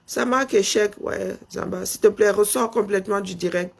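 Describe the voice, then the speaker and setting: Insistent high gravelly Cameroonian man. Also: moderate pace. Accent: Cameroonian French. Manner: insistent, rhetorical questions, dictates punctuation aloud. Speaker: live stream host. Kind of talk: political live-stream commentary.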